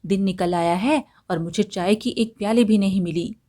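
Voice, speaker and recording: A woman's voice: mid-range voice, moderate pace, mellow, lightly acted. Woman doing a harsh nagging mother-in-law. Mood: angry scolding. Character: stern scolding middle-aged mother-in-law.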